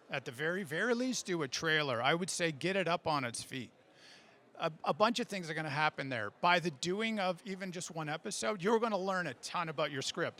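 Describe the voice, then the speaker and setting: This Canadian man, an audio fiction creator, has a higher-pitched voice and is answering questions after a writing workshop he presented at a conference. He's animated and informal, speaking in halting, stop-start phrases and often interrupting himself.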